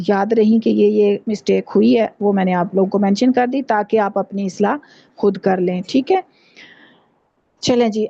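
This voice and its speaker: A woman teaching Quran recitation in an online class, explaining patiently and repeating sounds slowly to demonstrate. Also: fairly high pitch, vocal fry, dark tone, dry recording. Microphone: video call. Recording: dull lo-fi call audio.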